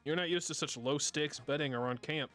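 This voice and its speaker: A man's voice: fairly high pitch, brisk, a bit bright, soft background music. A man streaming a game, reading the story text aloud in a playful, wry way.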